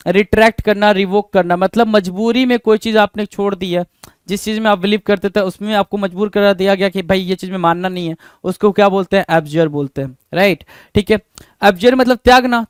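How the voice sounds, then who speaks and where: Guy teaching vocab, keeps asking "what does it mean?", high clear voice. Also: dry recording. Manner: rhetorical questions to students, repeats words. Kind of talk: exam-prep vocabulary lesson.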